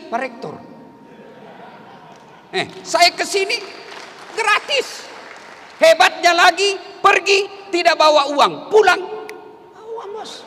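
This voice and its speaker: A middle-aged man preaching a humorous sermon in a large hall, telling funny stories and rising to shouted exhortation. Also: extremely high pitch, slight background noise. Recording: hall reverb, faint ambience.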